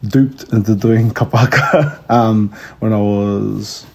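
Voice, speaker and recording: A man's voice: fairly low pitch, steady tone, slow, gravelly, a little mellow. A man in his thirties with a New Zealand accent, chatting casually as an interview guest. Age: 30s. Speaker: kapahaka tutor, interview guest. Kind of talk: casual chat.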